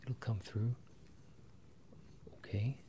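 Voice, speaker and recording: Playing an apologetic wizard professor who seems bemused by his student, a man in his 20s whispers and murmurs breathily in a halting ASMR performance. His tone is steady. He is recorded on close ear-to-ear stereo microphones with slight background noise.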